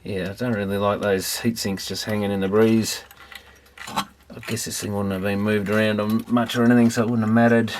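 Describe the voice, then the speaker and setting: A lowish, flat-sounding male voice with an Australian accent rambles a little fast as he works, offhand and talking to himself. He's an electronics repair hobbyist, and the recording is clearly noisy with clicks.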